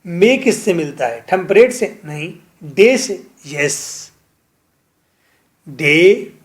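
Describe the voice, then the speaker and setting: Slow, high-voiced man teaching literature. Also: expressive. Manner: explains slowly, repeats each English point in Hindi. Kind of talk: recorded lecture.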